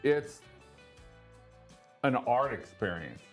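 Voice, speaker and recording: Upbeat local host promoting a shop. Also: male voice, mid-range voice, big pitch swings, very slow, faint music behind. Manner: upbeat, promotional, guiding the talk. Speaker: interview host. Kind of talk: casual promotional interview.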